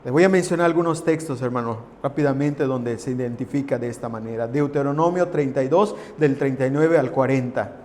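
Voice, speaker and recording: A man's voice: mid-range voice, darkish tone, slight background noise. A man preaching a sermon as a pastor, building emphasis on key phrases and addressing the congregation directly. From Mexico. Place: church hall. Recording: long reverb in a large hall.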